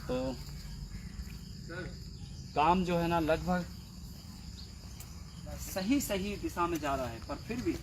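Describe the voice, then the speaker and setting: This man's voice sits a little high; he speaks slowly and pauses often while instructing trainees outdoors on a farm. Patient and repetitive, he talks them through the tasks as insects hum faintly nearby.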